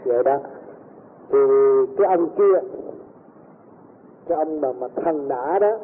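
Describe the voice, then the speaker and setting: A man's voice: a little high, expressive, takes it slowly. A man recounting a personal anecdote to a gathering, rambling along and acting out the voices of the people in his story. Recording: tinny lo-fi recording with faint noise.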